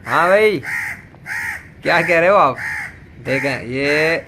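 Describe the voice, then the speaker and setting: Man vlogger, slightly high voice, slow chatty delivery, coaxing a crow; outdoor phone audio with clear background noise. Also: animated. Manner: chatty, playful, coaxing and talking to the bird. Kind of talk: casual vlog, talking to a crow. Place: outdoors near a perched crow, after drizzle. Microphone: phone camera.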